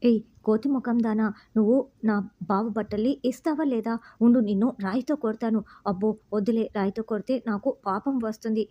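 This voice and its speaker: A woman's voice: a little high, fairly even intonation, fairly quick, highs cut off, natural voice. A woman voicing a stubborn, playful young wife who teases and pleads with her husband in a coaxing, sing-song way.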